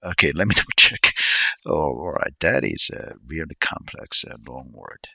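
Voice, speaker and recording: Brief: very low, gravelly male voice with a husky edge, halting solo lecturer full of fillers. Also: very animated, sharp tone, no echo. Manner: halting, many fillers, checks pronunciations aloud. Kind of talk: casual unscripted lecture.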